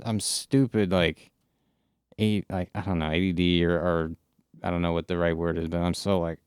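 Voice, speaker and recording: A laid-back man with a fairly low, smooth and resonant voice, recorded dry and close in a home studio. He rambles casually, full of fillers and swearing, as he chats with his live-stream viewers. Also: dry recording. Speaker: music streamer.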